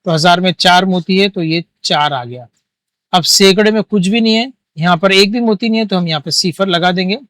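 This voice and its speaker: High-voiced man teaching a maths lesson. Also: moderate pace, fairly bright tone, no echo. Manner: patient, counting aloud step by step.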